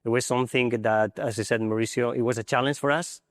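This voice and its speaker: A man's voice: medium pitch, steady tone, fast, no room sound, studio quality, long reverb tail. A man, an assistant coach on a panel, speaking thoughtful, hesitant English with frequent fillers. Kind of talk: panel interview on stage.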